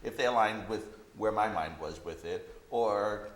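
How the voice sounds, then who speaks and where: A visual artist is interviewed in a casual, reflective conversation, often dropping "you know" as he talks. His voice is fairly low and his pace a little slow. The recording has a roomy echo and faint background noise.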